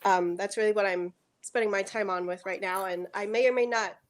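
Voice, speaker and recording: A woman's voice: mid-range voice, steady tone, a little fast. A woman guest on a roundtable show, a podcaster talking casually about herself, friendly and loose.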